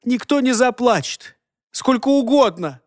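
A man voicing a fiery, jealous young swan-maiden who shouts and sobs. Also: very high-pitched, lively intonation, measured pace, no room sound, clean studio sound, voice pushed up. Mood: tearful.

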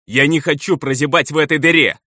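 A man's voice: low voice, brisk, no room sound, clean studio sound. A man voicing a hot-tempered greedy headman. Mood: furious. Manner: sulky and explosive. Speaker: village headman.

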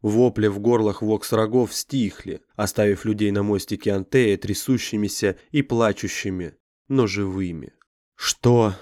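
A man reading a dark science fiction audiobook in a measured, grave storytelling manner. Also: lowish voice, steady tone, no echo, clean studio sound. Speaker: audiobook narrator. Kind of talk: scripted dramatic narration.

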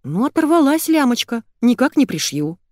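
A woman's voice: sits high, very animated, moderate pace, a little mellow, no echo, clean studio sound, pitched above the performer's own voice. A woman reading an audiobook, voicing a plump, self-pitying married woman who whines and complains. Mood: whining. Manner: whining, plaintive.

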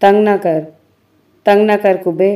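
A woman voicing a brash young village man, in a lowered, gruff voice. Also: steady tone, slow, dark tone. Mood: insistent. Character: rough young male village lover, brash.

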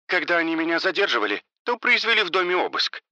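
A man's voice: fairly high pitch, sing-song, quick pace, pushed and bright, no echo, muffled recording, voice pushed up, full character voice. A man voicing a frightened woman caught up in drug dealing, talking in a scared, pleading way.

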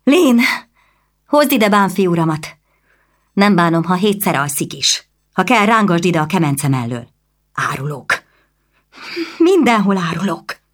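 A woman voicing a fiery fourteen-year-old noble girl, with indignant, fast outbursts, in a storybook reading. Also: fairly low pitch, very animated, pitched above the performer's own voice. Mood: commanding.

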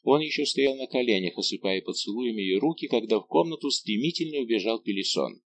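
A man narrating an audiobook in a measured, dramatic reading style. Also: medium pitch, expressive. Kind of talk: scripted narration.

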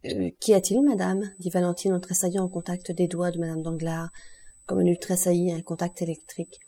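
A woman narrates a classic novel in a measured, steady audiobook reading. Her voice is dark and mellow. It carries a soft husky texture. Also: lowish voice.

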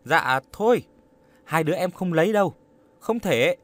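A man's voice: on the high side, lively intonation, normal speed, a bit bright, no echo, pitched above the performer's own voice. A man voicing a cheerful young village lad. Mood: friendly. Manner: friendly, explaining. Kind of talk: audiobook character reading.

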